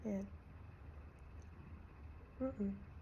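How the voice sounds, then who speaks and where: A woman vlogging casually at home, talking in a hushed, often half-whispered voice and laughing often. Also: medium pitch, fairly even intonation, extremely slow, muffled recording, a little hiss or hum. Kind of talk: casual vlog chat.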